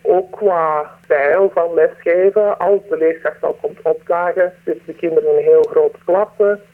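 A woman, her voice disguised by a deep pitch-shift distortion, answering a radio interview earnestly with hesitant pauses. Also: fairly even intonation. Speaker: anonymous former aid worker interviewee. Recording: distorted, narrow phone-like sound.

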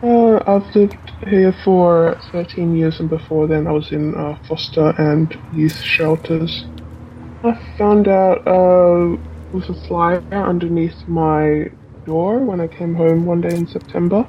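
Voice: mid-range voice, fairly even intonation, slow, muffled recording, slight background noise. An anonymous tenant speaking hesitantly in a news interview, their voice electronically disguised. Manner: hesitant, with filler sounds. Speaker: anonymous public housing tenant. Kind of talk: interview clip in a news report.

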